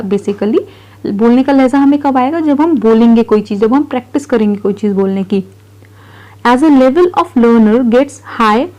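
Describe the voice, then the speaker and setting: A woman teacher with an Indian accent, slowly reading English notes and then explaining them, asking and answering her own questions. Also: sits high, mellow, low-quality recording. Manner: explains each line, asks and answers own questions, says "bhai".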